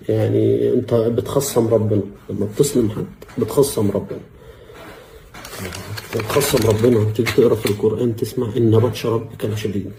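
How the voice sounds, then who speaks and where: An earnest man with an Egyptian Arabic accent speaks in a deep, very dark and mellow voice. He halts often and repeats his words, keeping a grave tone with religious language. Faint noise sits behind him. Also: creaky. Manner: earnest and halting, with frequent hesitations and repeated words. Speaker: former security officer making a public statement. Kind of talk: personal video statement.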